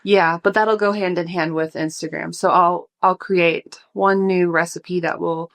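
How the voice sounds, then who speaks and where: A young woman talking through her work in a relaxed interview, slightly out of breath and pausing with fillers. Her voice sits a bit low for a woman. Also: vocal fry. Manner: relaxed, thoughtful, many fillers. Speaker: guest, food blogger. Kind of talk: casual interview.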